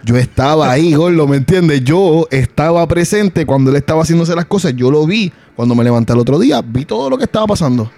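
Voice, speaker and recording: A man's voice: a little high, expressive, quick pace, few pauses, warm tone, no room sound. A young man co-hosting a podcast, chatting in easygoing slang. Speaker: podcast co-host. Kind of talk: casual storytelling chat.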